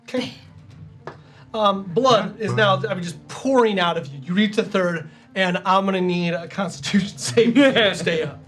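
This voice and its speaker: A man's voice: sits high, moderate pace, a bit bright. A man improvising narration as the game master of a tabletop game. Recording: faint music behind.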